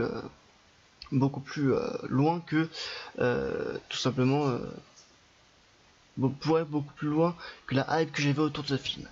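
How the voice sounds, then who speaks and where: A man's voice: medium pitch, slight background noise. Chatty young French man reviewing. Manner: chatty, loose, full of fillers and restarts. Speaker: film reviewer. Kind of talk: casual video review. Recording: dull lo-fi recording with faint music behind.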